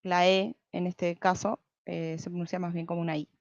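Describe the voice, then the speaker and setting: A woman's voice: on the low side, little pitch movement, normal speed, no room sound, highs cut off. A woman teaching a beginner English lesson over slides, patiently explaining step by step and checking in with "¿sí?".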